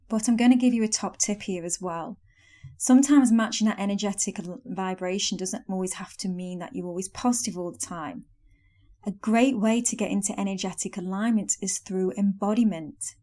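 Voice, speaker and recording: A young woman hosting a solo podcast, speaking in an earnest, coaching tone with soft self-help phrasing. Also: mid-range voice. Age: young adult. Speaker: podcast host. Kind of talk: scripted solo podcast talk.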